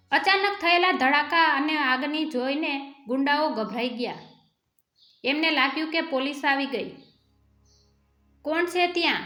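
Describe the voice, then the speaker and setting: Woman storyteller, bright and crisp, reading a dramatic tale in a roomy space. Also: high-pitched. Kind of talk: scripted story narration. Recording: echoey room with faint music.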